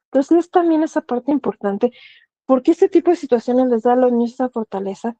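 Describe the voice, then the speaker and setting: Earnest woman, high and mellow. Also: expressive, fairly quick, dry recording, dull audio. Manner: earnest, advising directly, frequent rhetorical questions. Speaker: thanatologist. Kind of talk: explanatory talk.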